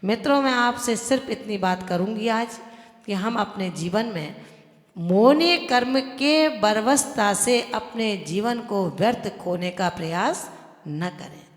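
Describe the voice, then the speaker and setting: Jain nun preaching in an echoey hall. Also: female voice, mid-range voice, animated, unhurried. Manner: earnest, exhorting, explains with everyday examples. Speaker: Jain nun giving a sermon. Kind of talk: devotional sermon. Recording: echoey hall with long reverb.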